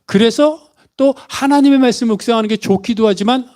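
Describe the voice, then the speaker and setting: A man's voice: extremely high pitch, a little fast, darkish tone. A man preaching a Sunday sermon as pastor, emphatic, asking rhetorical questions and stretching key words. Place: church sanctuary.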